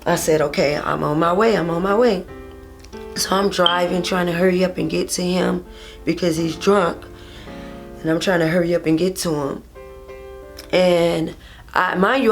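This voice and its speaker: A woman's voice: fairly low pitch, creaky. A young woman telling a personal story on her vlog, rambling and repeating herself as she recounts a painful memory. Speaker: vlogger. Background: faint guitar music.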